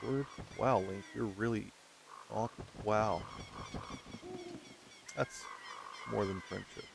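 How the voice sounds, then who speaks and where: Over game music and background noise, a man talks slowly in a lowish voice with vocal fry while playing through a video game. As a gaming video host doing casual let's-play commentary, he rambles, uses lots of fillers and addresses his viewers directly.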